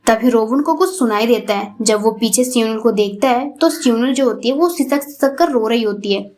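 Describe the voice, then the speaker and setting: A woman narrating a romance comic recap in a casual, chatty storytelling manner. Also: fairly high pitch.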